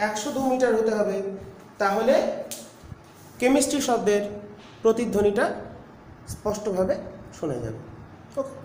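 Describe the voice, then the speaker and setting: A man's voice: extremely high pitch, a little mellow. A man teaching a physics lesson, explaining step by step and asking questions he then answers himself. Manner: stepwise explaining, asks and answers own questions. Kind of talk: classroom lecture. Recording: very echoey room, faint noise.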